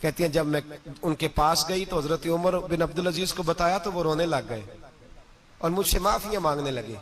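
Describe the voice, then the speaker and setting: A man delivers a sermon in a high-pitched voice. He retells a moral story with rising, emotional exclamations. His delivery is impassioned and preacherly. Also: moderate pace, crowd noise.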